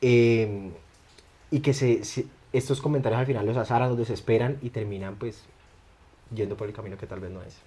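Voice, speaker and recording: A man interviewing a guest in a calm, soft-spoken way with brief affirmations. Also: medium pitch, brisk, breathy edge. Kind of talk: casual conversational interview.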